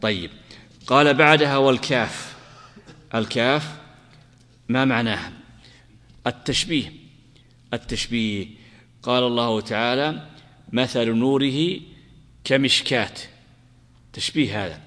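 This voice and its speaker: A man teaching a classical grammar lesson, asking his students questions, answering them himself, and slowly repeating his examples. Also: mid-range voice, expressive, a bit bright, in a large hall. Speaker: Islamic scholar teaching grammar.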